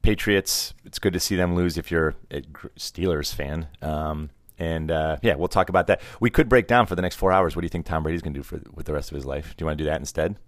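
A man's voice: extremely low pitch, fast talker, few pauses, no room sound, studio quality. A man, middle-aged, chatting casually and teasingly about sports as a podcast co-host, unscripted. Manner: teasing, bantering. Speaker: podcast co-host, father of the other host. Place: home basement.

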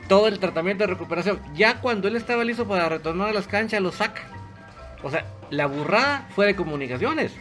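A man gives blunt, critical football opinions in a casual podcast chat. His voice sits fairly high, with faint music in the background. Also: expressive, fast, a bit bright. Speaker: podcast co-host.

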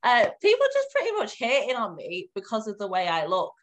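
A woman's voice: fairly high pitch, huge pitch swings, fairly quick. A woman in her twenties with a Cumbrian accent, chatting casually and informally as an interview guest. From Cumbria, northwest England. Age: 20s. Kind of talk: casual chat.

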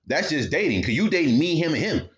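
The high end of the recording is cut off as a young man with a fairly high voice hosts a podcast, quickly telling a comedic story in slang. He performs animatedly, voicing the people he quotes.

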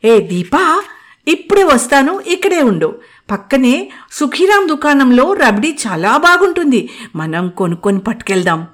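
A woman voicing a bold, brusque young woman friend who talks loudly and bluntly with quick retorts. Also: high voice, very animated, voice pushed up, full character voice. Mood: teasing.

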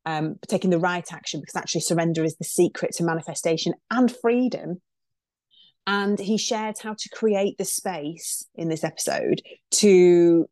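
A woman's voice: on the low side, a little mellow, dry recording, studio quality. Chatty, enthusiastic woman podcast host. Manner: enthusiastic, chatty, many fillers. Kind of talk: podcast intro and interview.

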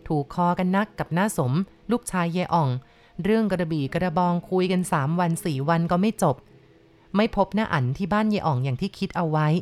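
A woman reading a first-person ghost story aloud with steady, measured narration. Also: lowish voice.

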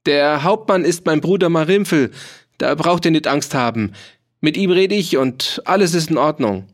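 A man voicing a boastful, self-important peasant who shouts over a crowd. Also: a little high, expressive, moderate pace, voice pushed up, natural voice.

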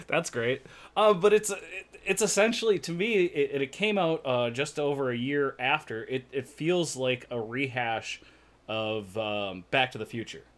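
A man hosting a casual podcast chat, often restarting words and filling pauses with uh, laughing easily. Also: mid-range voice. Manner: stammering restarts, frequent uh fillers, laughs easily. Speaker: podcast host.

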